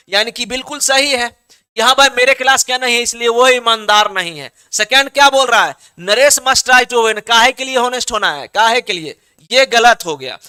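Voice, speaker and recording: A man with a very high, bright, clear voice teaching an online exam-prep class. He reads students' answers aloud, coaxes them to reply, and keeps checking they follow. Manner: coaxing, repetitive, checks understanding often.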